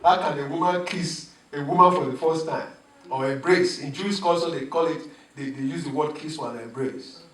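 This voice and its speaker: A man preaching a sermon as pastor, animated, chuckling and calling for the congregation to respond. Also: on the high side, normal speed. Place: church. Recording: echoey church room, mic at a distance.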